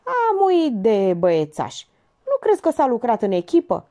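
Ironic confident older sleuth lady, voiced by a woman, lively, mellow tone. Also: fairly high pitch, pitched above the performer's own voice.

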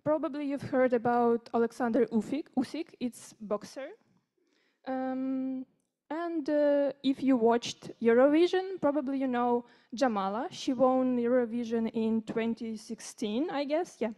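A fifteen-year-old Ukrainian girl, a native speaker with a Ukrainian accent, gives a friendly, informal talk as a youth speaker at a conference. Her voice is high-pitched and mellow, with a measured pace. She addresses a seated audience in a conference room.

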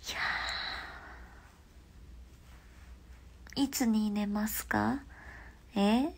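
A young woman with a stuffy nose, chatting casually on a phone livestream and often dropping into soft half-whispers. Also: mid-range voice, fairly even intonation, drawn-out words, gravelly, slight background noise. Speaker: livestream host.

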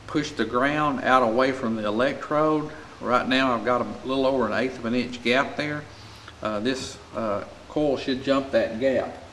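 At a workbench in an indoor repair shop, an American small engine repair instructor walks through a plain, practical, informal step-by-step repair tutorial as he works. His voice is mid-range with a fairly bright tone, and the room is echoey with clear background noise.

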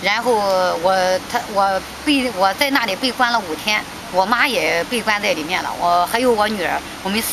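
A woman giving emotional spoken testimony, halting and repeating herself, her voice rising when agitated, recorded outdoors. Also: medium pitch, noisy background. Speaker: petitioner's sister recounting events.

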